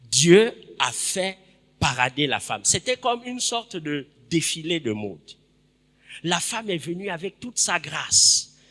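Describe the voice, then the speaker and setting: Lively high-voiced male preacher. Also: long reverb tail. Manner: emphatic, repeats phrases, sudden loud bursts. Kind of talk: sermon. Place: church.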